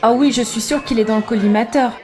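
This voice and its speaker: Woman doing candid intelligence insider in a dub, kinda high voice, offhand and matter of fact. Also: fast, darkish tone, lightly acted. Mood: casual, candid. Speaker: voice-over dub of an interviewee.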